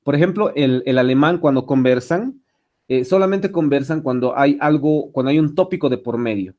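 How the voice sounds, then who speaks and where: A man's voice: medium pitch, moderate pace, darkish tone. A man giving an online English lesson, rambling with many fillers and restarts. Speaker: English teacher. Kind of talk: online lecture.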